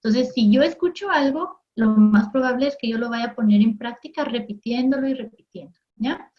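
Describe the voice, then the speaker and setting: A woman's voice: on the high side, lo-fi sound. A woman teacher giving a lesson for television in a conversational way, often checking in with her students. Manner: acts out everyday voices in quick asides. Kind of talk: recorded classroom lesson for TV.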